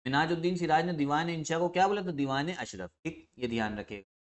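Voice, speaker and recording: A male teacher with a somewhat high voice leads an exam revision lecture. He fires off his own questions, then answers them, repeating each key term for emphasis. He mixes in English words and often pauses to clear his throat.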